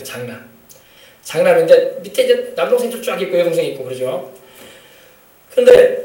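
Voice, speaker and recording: A male pastor with a high-pitched, darkish voice gives an emphatic sermon in a church sanctuary. He asks for amens and acts out family quotes, recorded from a distant mic with an echoey church sound.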